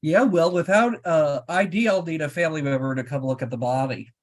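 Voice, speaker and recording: This is a man doing a blunt police officer who speaks in a flat, businesslike way. His voice sits slightly high. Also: a little fast, close to an everyday voice. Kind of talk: amateur script read.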